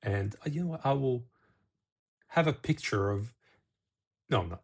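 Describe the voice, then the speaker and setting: A middle-aged Serbian man hosts a casual talk-to-camera video, rambling with restarts and asides. His mid-range voice is unhurried and slightly rough, with lively intonation and vocal fry.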